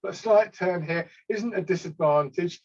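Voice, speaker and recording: A man gives calm, unhurried step-by-step tai chi cues as an instructor, sometimes hesitating and correcting himself. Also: high voice. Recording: slightly dull, lo-fi sound.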